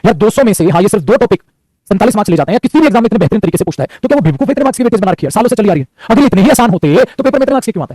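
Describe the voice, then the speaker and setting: A man a high voice and a very fast, rattling delivery teaches a grammar lesson online. He talks animation and repeats lines as he speaks to his students. The recording is dry and close. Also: mellow, no room sound.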